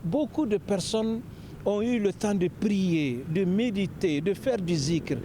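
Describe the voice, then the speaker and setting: A man's voice: high-pitched, slow, noisy background. A man explaining in an interview, emphatic, often repeating his phrasing. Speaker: interviewee explaining local religious custom.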